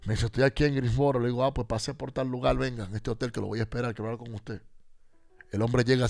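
A man with a gravelly, rough-edged voice tells his testimony with animated storytelling. He acts out the dialogue as he goes, with low music under a dry, close sound. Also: no echo. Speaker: pastor and radio panelist. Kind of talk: personal testimony on a radio show.

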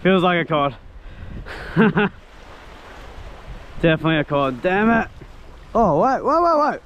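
An excitable man giving running fishing commentary from a boat, exclaiming often. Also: a little high, slow, muffled recording. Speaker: fishing vlogger. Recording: wind and boat noise.

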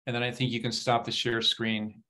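A man's voice: mid-range voice, completely flat delivery, brisk, bright, forceful tone. A man hosting a video call, patiently guiding someone through the controls.

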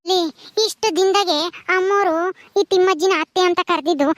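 Woman playing a deaf granny, shrill high voice, loud, scolding, village comedy. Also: steady tone, fairly quick, no room sound. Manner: loud, repeats "ha?" as if hard of hearing. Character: deaf old village grandmother, scolding and talkative.

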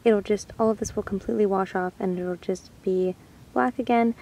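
A woman's voice: mid-range voice, moderate pace, low-quality recording. A young woman giving a casual, chatty walkthrough vlog, recorded outdoors at a campsite on a handheld camera. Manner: relaxed, chatty. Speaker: dog owner vlogger.

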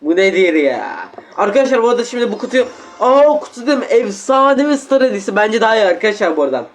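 High-voiced excited male game commentator. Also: quick pace, faint music behind. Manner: animated, exclaiming, keeps addressing viewers as friends. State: sore throat, coughing. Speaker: gaming YouTuber. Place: at home.

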